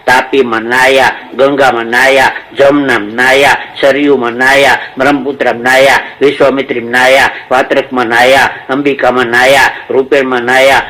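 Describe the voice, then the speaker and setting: A man's voice: medium pitch, a bit bright, rough recording. A man, telling jokes and moral stories as a stage comedian, in a folksy, preachy way. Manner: preachy storytelling with proverbs.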